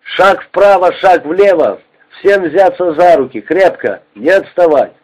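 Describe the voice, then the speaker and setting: A man reading the part of a hoarse, bossy male prison-camp convoy chief barking orders. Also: high-pitched, animated, measured pace, voice pushed up. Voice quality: hoarse tenor. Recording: dull lo-fi recording.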